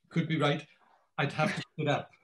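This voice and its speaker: A man's voice: on the high side, level tone, moderate pace, fairly bright tone, slight background noise, poor audio. Hesitant man with frequent restarts. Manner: hesitant, many restarts and repeated words. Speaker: co-author and panel guest. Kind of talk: academic panel conversation.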